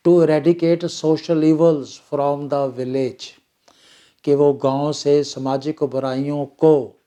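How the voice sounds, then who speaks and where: A man with an Indian accent teaching a newspaper-reading lesson, reading English phrases slowly and explaining them in Hindi while asking and answering his own questions. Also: on the high side, dark tone.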